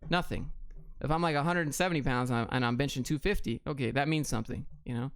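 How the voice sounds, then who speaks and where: An American man from Atlanta, Georgia hosts a casual livestream, reading questions aloud and answering them in a blunt, clipped, offhand way. His medium-pitched voice is fast and clean, with no room sound.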